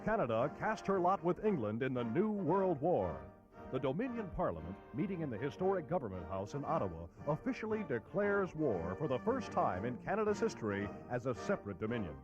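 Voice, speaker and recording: A man's voice: a little high, sing-song, fairly quick. A man narrating an old newsreel in a dramatic, declamatory style. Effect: old newsreel sound. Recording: dull lo-fi film audio with music. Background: music.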